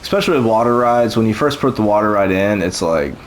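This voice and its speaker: A man's voice: lowish voice, quick pace, a little hiss or hum, poor audio. A man chatting casually and encouragingly as he tours a theme park build, rambling with fillers. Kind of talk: casual chat over gameplay.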